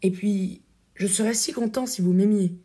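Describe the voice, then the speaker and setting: A woman's voice: mid-range voice, moderate pace, mellow, breathy edge, natural voice. A woman reading the part of a tongue-tied young male soldier in love, pleading and often whispering.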